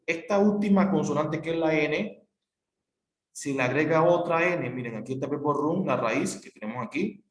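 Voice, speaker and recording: A man teaching a grammar lesson, patient and repetitive, spelling out letters one by one. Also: fairly high pitch. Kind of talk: recorded classroom explanation. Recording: echoey room.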